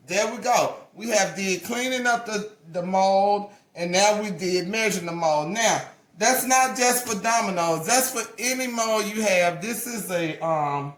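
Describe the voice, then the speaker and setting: A woman in her forties giving a casual hands-on craft tutorial, chatty and folksy, often correcting herself mid-sentence. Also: medium pitch. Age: 40s. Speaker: craft channel owner. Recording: roomy echo.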